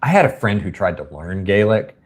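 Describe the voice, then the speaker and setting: At home on a live stream, a Southern US man hosts a folksy, rambling chat full of y'all and ain't. His husky voice sits low and comes out very animated and a little fast.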